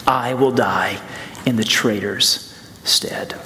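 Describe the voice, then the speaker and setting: A man's voice: mid-range voice, slight background noise. Solemn noble lion king read by a man. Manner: slow, solemn. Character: great noble male lion, self-sacrificing. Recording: church hall reverb, soft music.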